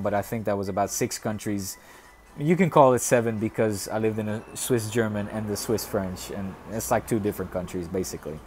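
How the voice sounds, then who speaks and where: A Dutch man with a medium-pitched voice hosts a casual football live stream, reading viewer comments aloud and rambling with bursts of excitement. There's a little hiss or hum in the audio.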